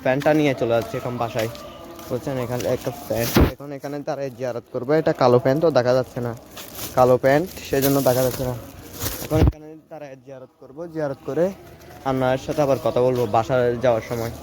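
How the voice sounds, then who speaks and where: A young man narrates his day to the camera while walking outdoors in the rain, his voice sitting in the middle of the male range. He talks in a chatty, conversational way and keeps checking in with the viewer. The phone recording carries clear outdoor noise with birds and rural ambience. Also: mid-range voice, steady tone, very fast. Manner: drops to a hushed voice when people pass. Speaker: vlogger. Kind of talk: casual handheld vlog narration. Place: outdoors in a rainy rural village.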